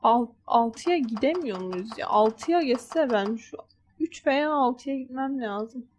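Over background game music, a woman provides let's play commentary on a horror game, muttering and growing frustrated as she searches and scolds the game. Her voice is slightly high, expressive and unhurried, with a little hiss or hum in the audio.

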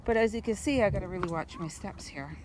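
A woman's voice: medium pitch, fast, darkish tone. A woman chatting casually as she films a walk along a stone breakwater by the sea, rambling with fillers. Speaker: vlogger. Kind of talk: casual walking vlog. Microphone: phone camera held by the speaker. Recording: noisy outdoor phone recording.

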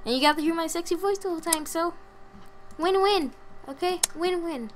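A young woman talks over her gameplay in a high, bright voice, chatty and self-mocking, breaking into loud excited bursts. Clear background noise and mouse clicks sit under her home recording. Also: moderate pace. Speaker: gameplay commentator. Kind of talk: casual gameplay commentary.

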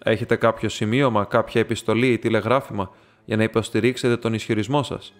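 A man's voice: fairly low pitch, steady tone, faint music behind, close to an everyday voice. Male reader doing a cranky old academic, curt and hostile, audiobook. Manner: harsh, hostile. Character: irascible old male professor.

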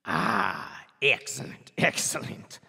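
Showy storybook wolf, very high, swooping, gravelly, breathy, echoey room. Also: male voice, big pitch swings, slow pace, full character voice. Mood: boastful. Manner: boastful, theatrical, laughing, shouting. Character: vain boastful male wolf, adult, showy.

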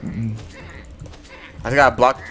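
This young male gamer's commentary is muttered and slangy, a casual running take on his gameplay for YouTube with faint music playing. His mid-range voice is fairly bright and fairly even in intonation, and his pace is a little slow.

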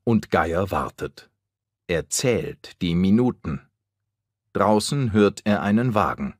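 A man narrating a scripted storybook for language learners, clear and deliberate. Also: deep voice, lively intonation, no room sound, studio quality.

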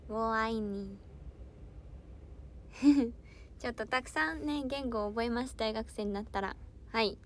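A woman's voice: fairly high pitch, normal speed, fairly bright tone, slight background noise. A young woman idol hosting a casual solo livestream, chatting playfully with viewers and reading their comments. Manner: playful, giggly, tries out foreign words and dialect phrases.

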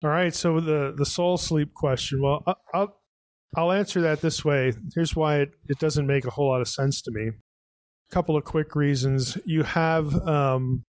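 A man's voice: fairly high pitch, fairly even intonation, normal speed, dry recording. A podcast host answering an audience question at a live event. He thinks aloud, often restarts, and keeps saying "again" and "you know".

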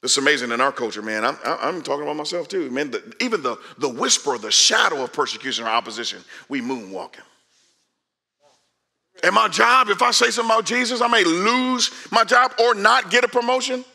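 Bright-voiced preaching man. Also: a little high, brisk, gravelly. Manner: animated, conversational preaching, shifts from loud to hushed. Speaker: pastor. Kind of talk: sermon. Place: large church stage.

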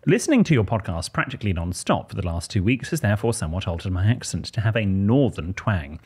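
A man from Bristol, England co-hosts a podcast with a husky, animated, lowish voice at a quick pace. He chats casually and reads listener letters in a small indoor podcast studio, using a close studio mic on a boom arm and headphones.

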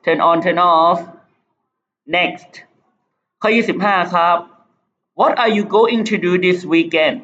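A male teacher going over exam questions, reading English sentences slowly and explaining them. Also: high voice, pushed and bright. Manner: reads English items slowly, explains in quick Thai. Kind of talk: exam prep lesson. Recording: dull lo-fi recording.

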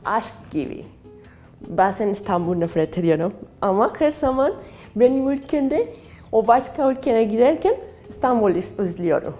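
A woman with a foreign accent speaks broken learner's Turkish in a personal interview, halting as she searches for words. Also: on the high side, lively intonation, dark tone, soft background music. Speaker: artist and craft student.

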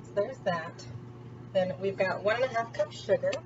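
Working in her kitchen for a home cooking vlog, a woman chats casually and thinks aloud in a medium-pitched voice, speaking a little slowly. The recording comes from a camera set at a distance on the counter, leaving the sound distant and dull under loud background noise.

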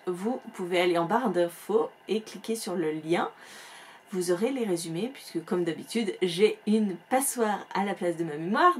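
A woman book vlogger chatting casually and enthusiastically at home, using plenty of fillers as she goes. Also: medium pitch. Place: home room with bookshelves.

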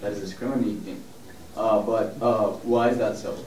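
A man's voice: fairly low pitch, steady tone, normal speed, darkish tone, a little hiss or hum. A man speaking plainly and with frustration in an interview. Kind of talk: interview answer. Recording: echoey, from a distance.

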